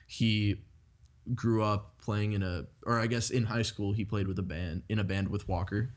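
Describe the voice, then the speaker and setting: Young dude in a band, kinda low voice, rambles with tons of "like". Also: male voice, steady tone, normal speed. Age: 20s. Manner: rambling, many "like" fillers. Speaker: band member guest. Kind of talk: casual interview chat.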